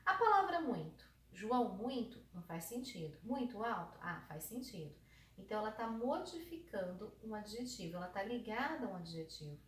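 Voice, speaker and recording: A woman with a São Paulo countryside Brazilian accent teaching an online grammar lesson, lively and emphatic, often checking with her students. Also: medium pitch, a little hiss or hum. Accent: São Paulo countryside Brazilian Portuguese. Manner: lively, emphatic, asks the class checking questions. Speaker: Portuguese teacher.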